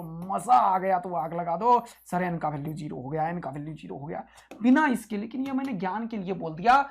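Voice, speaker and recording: Energetic male teacher with a gravelly voice. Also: high-pitched. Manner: energetic, rousing, repeats key points. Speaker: physics teacher. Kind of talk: exam-prep lecture.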